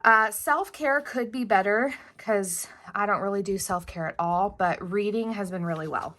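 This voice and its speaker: A woman's voice: mid-range voice, moderate pace, a bit bright. A young pregnant woman vlogging at her home desk, chatty and rambling, a little out of breath. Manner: chatty, rambling, self-correcting. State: heavily pregnant, a bit out of breath. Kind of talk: casual planner vlog.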